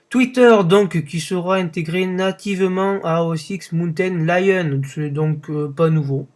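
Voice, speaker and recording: A young man with a slightly high voice hosts a casual tech podcast. He talks off the cuff, stumbling and restarting often, and sounds unimpressed with what he covers. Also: darkish tone. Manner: hesitant, many fillers and restarts, unimpressed. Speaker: podcast host.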